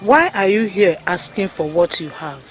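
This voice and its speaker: A woman with a Nigerian accent playing a calm, cryptic forest goddess in a film drama, speaking in a solemn, oracular way. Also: mid-range voice, normal speed, faint music behind, natural voice, rough recording. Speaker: actor.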